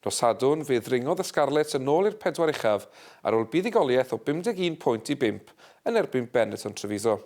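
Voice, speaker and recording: A man presenting a local news bulletin in a steady, measured read. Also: mid-range voice. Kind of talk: scripted news reading.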